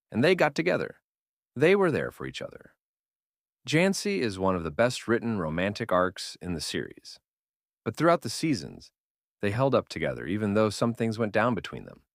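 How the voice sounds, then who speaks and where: A man narrates a scripted video essay in a fairly low voice. His pitch moves around in a lively way, and the recording is dry and close. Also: no room sound.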